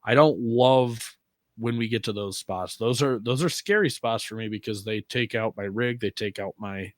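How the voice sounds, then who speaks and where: An American man co-hosts a laid-back off-roading podcast, talking in loose slang and swearing now and then. His voice is lowish and his pace moderate, on a dry recording.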